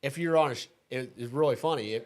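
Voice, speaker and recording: An easygoing man hosts a casual talk, his voice sitting at a middle pitch. He laughs readily and works through his thoughts with fillers and restarts. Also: fast talker, darkish tone. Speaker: host. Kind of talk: casual chat.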